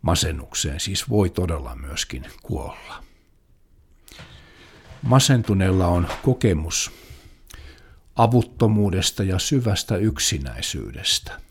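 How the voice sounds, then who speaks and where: A man giving a devotional talk, reading a psalm aloud in a slow, solemn, measured way. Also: deep voice, very animated, breathy edge. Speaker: preacher.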